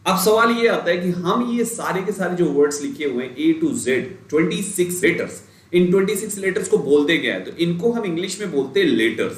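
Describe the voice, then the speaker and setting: A man's voice: high voice, animated, a little fast. A young adult man teaching an exam-prep English lesson in a chatty way, speaking straight to his students and repeating key points. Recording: roomy echo.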